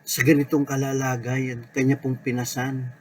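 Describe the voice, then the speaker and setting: A man preaching a sermon in an unhurried way, mixing Tagalog and English and repeating key words. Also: medium pitch, little pitch movement, slightly rough, rough recording.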